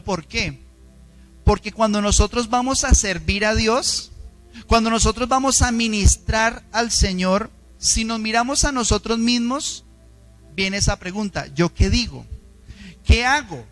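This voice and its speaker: A man with a Colombian accent preaching a sermon in a church, emphatic and dramatic, often asking the congregation questions. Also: fairly bright tone. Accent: Colombian Spanish. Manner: dramatic, emphatic delivery with shifting pitch. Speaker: pastor.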